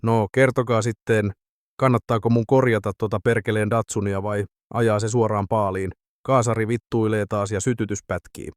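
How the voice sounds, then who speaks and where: A man voicing a gruff, blunt, weary male pub regular in an audiobook. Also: fairly low pitch, steady tone, no echo, studio quality, natural voice.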